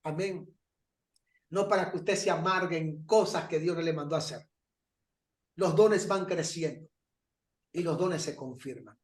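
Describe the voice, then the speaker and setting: High-voiced, animated man teaching a Bible class. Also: measured pace, long pauses, echoey room. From Paraguay. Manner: storytelling, animated, laughs often. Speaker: pastor teaching an online class. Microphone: video call.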